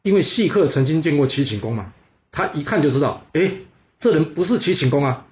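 A man's voice: on the high side, lively intonation, brisk, highs cut off. A man telling history stories casually, chatty, with teasing asides and many filler particles. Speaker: storyteller.

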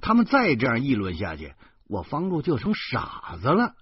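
A man narrating an audiobook in a lively, colloquial storytelling manner. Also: mid-range voice, moderate pace, slightly rough, dry recording, muffled recording.

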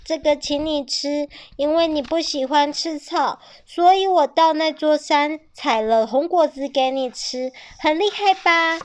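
A high, childlike baby ankylosaur, as a woman storyteller puts it on, sweet and clingy with a pleading little voice. It belongs to a read-aloud picture book, eager and adoring. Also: unhurried, few pauses. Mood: proud.

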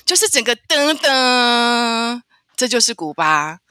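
Lively bright-voiced woman. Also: on the high side, slow pace, clear, resonant tone, no room sound, clean studio sound. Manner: animated, stammers and repeats words. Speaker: guest traveler. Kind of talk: casual storytelling interview.

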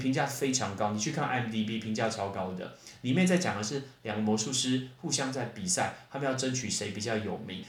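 Male host, casual and animated vocabulary teacher, mid-pitched, in an echoey room. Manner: chatty, animated, spells words out letter by letter. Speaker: English teacher podcast host.

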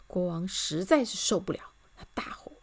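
A woman's voice: lowish voice, normal speed, creaky. A woman narrating a children's story and speaking to young listeners. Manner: warm, expressive, addresses children.

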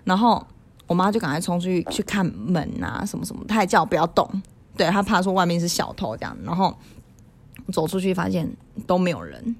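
A woman's voice: fairly low pitch, brisk. A woman in her thirties from Taiwan, co-hosting a casual podcast and telling childhood ghost stories, acting out quoted voices. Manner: animated storyteller acting out quoted voices, laughs often. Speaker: podcast co-host.

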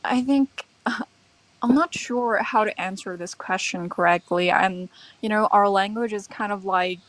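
On a livestream, a Chinese woman appears as a guest for a casual English chat, easygoing, teasing and quick to laugh. Her medium-pitched, fairly bright voice keeps a measured pace, recorded dry with no room sound but in low quality.

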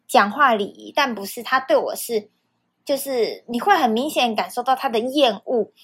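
A young woman hosts a podcast alone and tells a story from her own life. Her voice sits fairly high. She speaks candidly and with feeling, and she often slips into the voices of the people in her memories. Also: a bit bright. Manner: candid and emotional, acting out remembered dialogue. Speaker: podcast host. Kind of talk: personal storytelling monologue.

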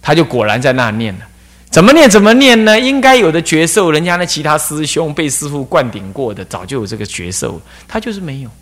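A man giving a Buddhist dharma talk as abbot, telling stories with lively rhetorical questions. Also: fairly high pitch, a little fast. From Taiwan. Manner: animated storytelling with rhetorical questions.

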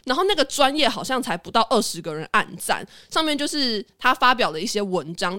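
Animated Taiwanese-accented woman in her twenties or thirties hosting a podcast. Her speech is quick, and her pitch swings widely as she tells a story with easy laughter. The recording is close and dry. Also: dry recording. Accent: Taiwanese Mandarin. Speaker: podcast host. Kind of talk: casual storytelling chat.

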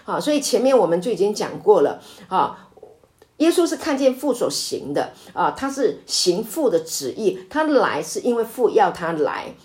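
A woman pastor leading a conversational Bible study, speaking with many drawn-out fillers and hesitations and rising to emphatic exclamations. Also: mid-range voice, very animated, darkish tone.

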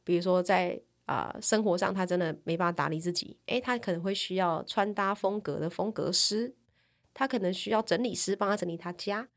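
A woman's voice: on the low side, fairly quick, vocal fry. A woman, telling personal stories on a podcast in a candid, reflective way. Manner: candid and reflective, tags sentences with a trailing "这样". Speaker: podcast speaker. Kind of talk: personal storytelling podcast talk.

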